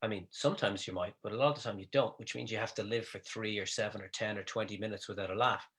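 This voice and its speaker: Male comedian, animated storyteller, bright tone, mimics others, casual livestream chat. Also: lowish voice, fast talker.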